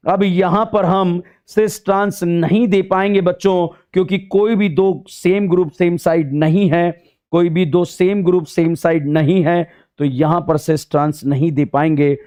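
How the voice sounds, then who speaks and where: A man teaching a chemistry lecture in a playful, sing-song way, teasing his students and slowly stretching out key words on his phrases. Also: high voice, darkish tone, clean tone. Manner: addresses students with teasing nicknames.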